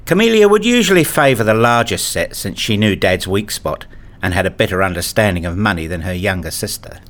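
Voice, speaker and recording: In a radio play, a man acts as a married father narrating his own story. His fairly low voice is a bit bright with lively intonation, and he reads the scripted narration in a measured, reflective way, wistful and slightly fussy.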